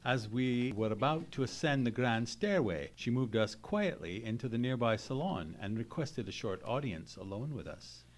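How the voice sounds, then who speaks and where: A man's voice: medium pitch, animated, normal speed, few pauses, natural voice. A man playing a Victorian doctor who grimly narrates a mystery in an old-time radio play. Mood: grim, storytelling. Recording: noisy live theatre stage recording.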